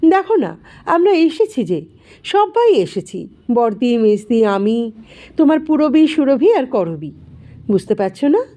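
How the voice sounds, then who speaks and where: Woman narrator as a gentle grown daughter, coaxing and affectionate, high lively voice, mellow. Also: a little slow. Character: gentle young adult daughter.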